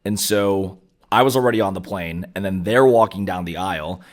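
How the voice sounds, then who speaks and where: A young man hosting a podcast, chatting casually and telling stories with an animated, self-amused manner. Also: low-pitched, moderate pace. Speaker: podcast host. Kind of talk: casual chat.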